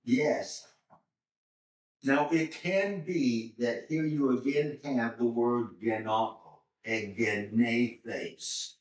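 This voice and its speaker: An older man, a seminary professor, slowly reading and explaining scripture to a class. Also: medium pitch. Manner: slow, deliberate, pauses to explain Greek words. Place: church hall. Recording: roomy church hall, mic far off.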